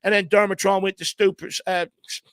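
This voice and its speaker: A man's voice: high voice, flat delivery, fairly quick, fairly bright tone, smooth, no room sound, clean studio sound. A man hosting a casual football live stream. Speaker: host.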